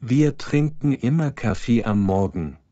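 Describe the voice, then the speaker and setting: A man slowly reading example sentences aloud for language learners, each one twice. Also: medium pitch, animated, mellow, dry recording, muffled recording. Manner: reads each full sentence twice, clearly and evenly.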